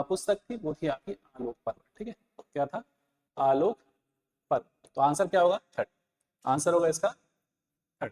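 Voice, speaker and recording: A man's voice: a little high, a little mellow, big-room sound. A man teaching an exam-prep lesson, repeating key points and quizzing listeners with rhetorical questions. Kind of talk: Hindi exam-prep lesson, explaining answers.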